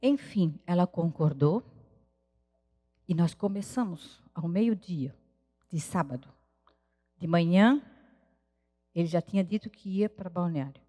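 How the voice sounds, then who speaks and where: A missionary woman gives an earnest, heartfelt sermon testimony with prayerful pauses at a church service. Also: lowish voice, expressive, dark tone. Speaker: missionary preacher. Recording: reverberant church hall.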